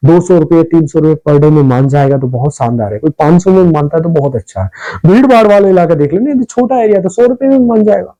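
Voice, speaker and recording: Male host for a tips video: rushed, repetitive, chatty delivery, warm dark tone. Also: a little high, animated, lo-fi sound. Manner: rapid, repetitive, addresses viewers as brother. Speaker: business ideas channel host. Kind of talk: casual advice talk to camera.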